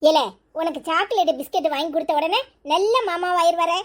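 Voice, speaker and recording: A woman's voice: extremely high pitch, fairly quick, very noisy. A woman voicing a young village wife in a cartoon, grumbling and scolding. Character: young village wife, sulky and sharp-tongued. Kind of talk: cartoon storytelling.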